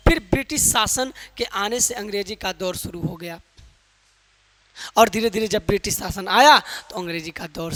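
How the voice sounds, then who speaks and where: Teaching English in a space with long hall reverb, this man from Uttar Pradesh, India, has a high, somewhat bright voice. He addresses his listeners as brother and drills pronunciation by asking questions over and over.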